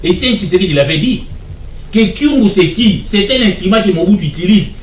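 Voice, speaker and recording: A man's voice: high voice, expressive, brisk, roomy sound, far from the mic, slight background noise. A man, arguing as a guest in a televised political debate, insistent and repeating his points. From Democratic Republic of the Congo.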